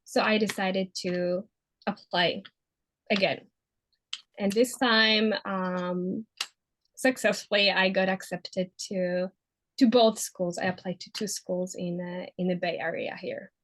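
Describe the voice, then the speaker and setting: A woman in her thirties from Poland with a Polish accent, telling her story as an interview guest with many pauses and fillers. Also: mid-range voice, steady tone. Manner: hesitant, many fillers and restarts. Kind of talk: casual interview.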